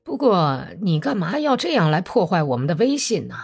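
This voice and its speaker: A smooth, sly Cossack commander, performed by a woman narrator in a novel reading, coaxing his comrade along. His delivery rises and falls in a lively, persuasive way. Faint music hums underneath. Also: on the low side, normal speed, full character voice. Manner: cajoling, persuasive.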